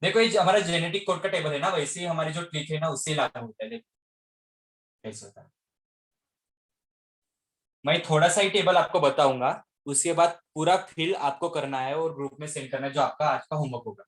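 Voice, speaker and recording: A man's voice: on the high side, fairly quick, a bit bright. A male teacher giving an online class lecture, constantly quizzing his students with repeated questions. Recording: echoey room audio.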